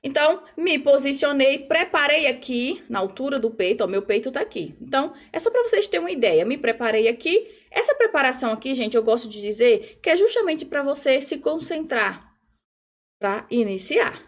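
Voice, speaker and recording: A woman's voice: sits high, big pitch swings, normal speed. A woman music teacher patiently explaining a rhythm exercise, checking in often and chanting rhythm syllables. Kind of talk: online music theory lesson.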